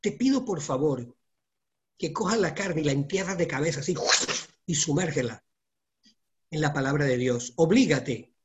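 Male preacher, animated sermon delivery. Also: a little high, normal speed, long pauses, muffled recording, noisy background. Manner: animated, swings from soft to loud preaching.

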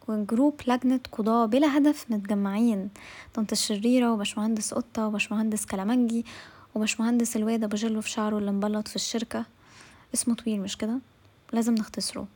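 A woman's voice: fairly high pitch, darkish tone. A woman with an Egyptian accent hosting a podcast, telling a comic office diary in a chatty, sarcastic way with asides to her listeners. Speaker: podcast host and narrator. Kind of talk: comic diary-style storytelling.

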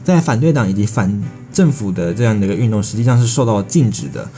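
A man's voice: on the low side, expressive, fast talker, warm tone, faint music behind. A man with a Taiwanese Mandarin accent presenting breaking news, wordy, often restarting words as he goes. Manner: wordy, repeats filler phrases and restarts words mid-sentence. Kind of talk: breaking news reading, semi-scripted with ad-libbed bridging.

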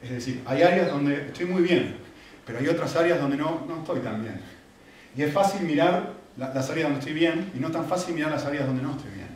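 A man preaching a sermon in an animated, conversational way, often checking in with his listeners. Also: fairly high pitch, fairly quick, slight background noise. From Argentina. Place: church hall. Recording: echoey hall, mic from a distance.

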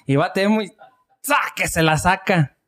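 A man's voice: high voice, normal speed, a bit bright. A young Mexican man co-hosting a podcast, telling a crude joke in slangy casual chat and laughing through his punchlines. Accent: Mexican Spanish. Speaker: podcast co-host.

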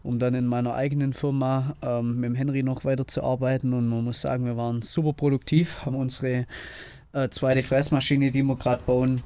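A young man chatting casually with friends, rambling in a relaxed, slangy way. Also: medium pitch, brisk, clear, resonant tone. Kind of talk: casual chat among friends.

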